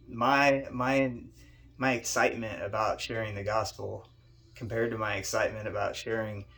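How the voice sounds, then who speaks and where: A man delivers a short sermon as if chatting with a friend, circling back on his words and repeating himself as he goes. His voice sits low with a gravelly edge. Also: a bit bright. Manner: conversational storytelling, stammering repeats. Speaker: pastor.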